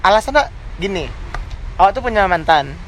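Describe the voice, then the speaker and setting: A man's voice: sits high, a little fast, slight background noise. A young man, chatting casually as a podcast co-host and acting out quotes as he tells stories. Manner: animated storyteller, acts out quotes. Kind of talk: casual chat.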